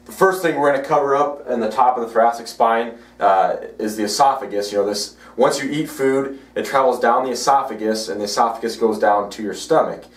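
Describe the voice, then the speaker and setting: A man who works as a chiropractor, giving an educational video blog talk, halting with many fillers. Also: lowish voice, roomy sound, distant mic. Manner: halting, frequent "uh" and "you know" fillers.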